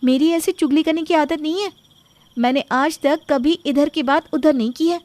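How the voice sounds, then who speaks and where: Woman doing a young bride, high voice, earnest, pleading. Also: normal speed, a little mellow, no echo, natural voice.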